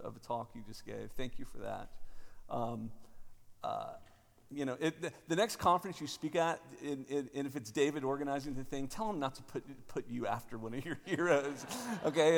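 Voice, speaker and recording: A man in his thirties, a pastor, leading a prayer and then giving a halting talk with many fillers and restarts in a large church, his voice ringing in a cathedral echo. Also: mid-range voice, gravelly.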